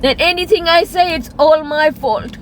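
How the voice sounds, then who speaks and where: A woman's voice: high-pitched, normal speed, a little hiss or hum, rough recording. A woman in her thirties speaking into her phone in a raw, pleading confessional monologue, repeating phrases for emphasis and slipping into Hindi. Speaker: vlogger.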